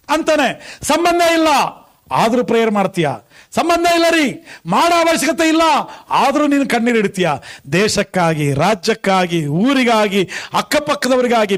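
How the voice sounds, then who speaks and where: A man's voice: extremely high pitch, a bit bright. A male pastor preaching a sermon with a Kannada accent, asking the congregation many questions and calling out hallelujah.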